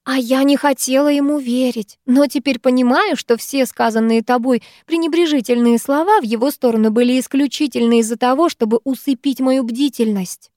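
A woman playing a bitter older sister, sarcastic, shouting, high voice, audiobook. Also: fairly even intonation, moderate pace, no echo, clean studio sound, natural voice. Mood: accusing. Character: angry, heartbroken older teenage sister. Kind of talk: audiobook reading.

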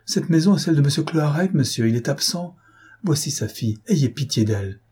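A devoted old governess pleads through tears, as a man reading aloud puts her on. The voice is dark and very husky, raised in distress. A storybook character full of feeling. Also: medium pitch, a little slow. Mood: pleading. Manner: pleading, emotional. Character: frightened, tearful older governess, devoted.

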